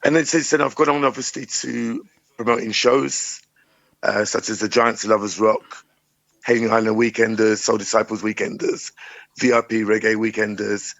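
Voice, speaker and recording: A middle-aged man with a croaky voice, a radio talk show guest speaking in a relaxed, casual way. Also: fairly low pitch, dry recording, lo-fi sound. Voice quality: croaky morning voice. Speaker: guest, music promoter. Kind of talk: radio interview.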